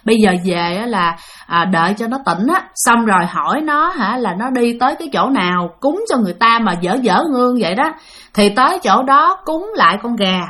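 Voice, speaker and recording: A woman voicing a calm older male exorcist master who coaxes and bargains patiently. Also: a little high.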